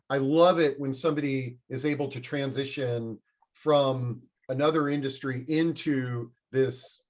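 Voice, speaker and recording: A man hosting an interview in an informal, meandering, conversational way with enthusiastic wording. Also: mid-range voice. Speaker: interview host.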